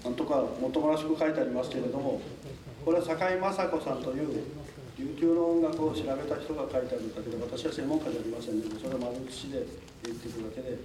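A man's voice: medium pitch, quick pace, a crowd in the background. An older man from a southern Japanese island giving a formal talk to a local audience, polite and chatty, with frequent chuckles and asides. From Tokunoshima, Amami Islands, Japan. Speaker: lecturer. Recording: echoey hall, mic at a distance.

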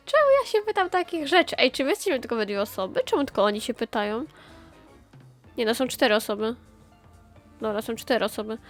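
A woman giving excited gameplay commentary, chatting to herself with quick exclamations and repeated phrases. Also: on the high side. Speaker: gaming channel host.

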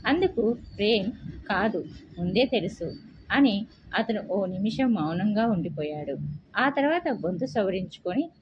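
Woman reading a story aloud, expressive, animated pitch, muffled lo-fi. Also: moderate pace, a little hiss or hum. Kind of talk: Telugu story narration. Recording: dull lo-fi recording.

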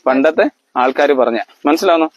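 Speaking animatedly in a fairly high voice, a man explains things to his family as if giving a lecture, captured on a muffled recording. He stumbles with fillers and restarts and repeatedly checks whether his listeners follow.

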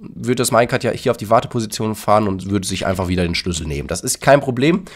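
A man's voice: fairly low pitch, fast. A man casually commenting on his Minecraft build and explaining it to his viewers. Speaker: YouTuber demonstrating a Minecraft build.

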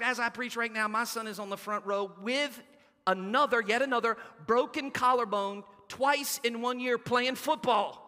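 A middle-aged pastor, preaching a sermon and telling a family story in an animated way. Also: male voice, very high voice. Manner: animated storytelling, acting out quotes. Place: church sanctuary. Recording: long church reverb.

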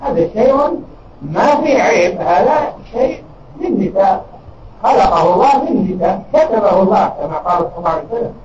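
Older man with a high voice, echoey hall. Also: expressive, background noise. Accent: Saudi Arabian. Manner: measured, emphatic repetitions. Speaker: scholar answering questions. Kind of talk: religious lesson answering questions. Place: large mosque hall. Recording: distant, echoey, dull lo-fi mosque recording.

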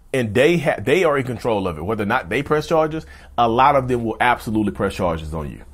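A man in his thirties hosting a mental health channel, talking straight to camera in an emphatic, repetitive way and calling viewers y'all. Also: on the low side. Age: 30s. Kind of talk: direct-to-camera advice talk. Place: indoor studio with backdrop.

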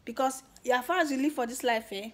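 A young woman with a Nigerian accent speaks straight to her viewers in a casual vlog. Her voice sits a little high, and she sounds excited and heartfelt, switching freely between Pidgin and English. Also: quick pace. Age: young adult. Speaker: YouTuber.

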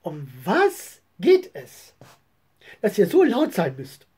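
Woman doing a mother, firm, calm, breathy, storybook. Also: mid-range voice, slow pace, exaggerated voice. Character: patient, firm mother of two.

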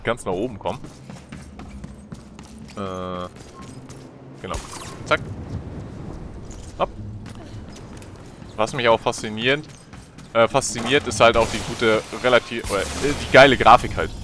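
A man giving casual, slangy, excitable gameplay commentary. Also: mid-range voice, a little hiss or hum. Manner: colloquial, slangy, swearing, excitable. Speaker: let's player.

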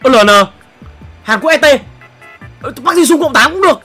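A young man, streaming himself opening player packs in a football game. He is excitable and swings from loud exclamations to low muttering. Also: brisk, soft background music. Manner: excitable, exclamatory, jumps between shouting and muttering.

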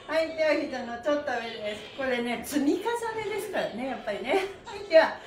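Her voice sits high and sounds animated and a little fast as she runs a live stretching session, chatting with viewers and calling out counts. Cheerful, encouraging, and often laughing, she's heard with roomy echo and faint background noise.

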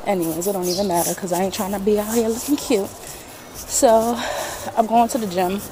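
Heavy background noise surrounds this young woman's mid-range, fairly even, slightly fast voice as she vlogs bluntly, using slang and some swearing. Holding her phone camera at arm's length, she moves from a city street into a discount store.

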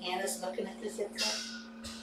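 A woman in her forties hosts a cat playroom stream, telling stories in an easy, chatty way and cooing gently at the kittens. Her voice sits in the middle of the range and sounds far from the mic. The room is echoey, and steady background noise runs underneath. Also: mid-range voice, normal speed. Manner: chatty storyteller, coos softly to the kittens. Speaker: host of a kitten rescue livestream. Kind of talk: casual chat and talking to kittens. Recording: roomy, distant mic, noisy background.

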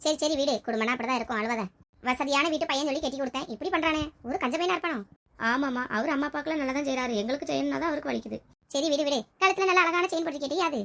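Fast-talking high-voiced woman, bickering banter. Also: fairly bright tone. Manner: bickering, teasing, quick village banter. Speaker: comedy sketch performer. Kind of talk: family comedy skit, playing several relatives.

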